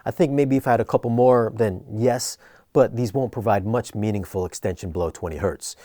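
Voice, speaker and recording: A man narrating an equipment review in a conversational but scripted, measured, explanatory way. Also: lowish voice, mellow, dry recording, studio quality.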